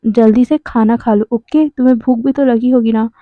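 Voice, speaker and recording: A gentle young uncle from a romance story who soothes and pleads, as a woman narrator puts him on. The voice sits high, and the recording is muffled and dry with no room sound. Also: fairly even intonation, moderate pace, no room sound, lightly acted. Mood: soothing. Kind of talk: storytelling voice acting.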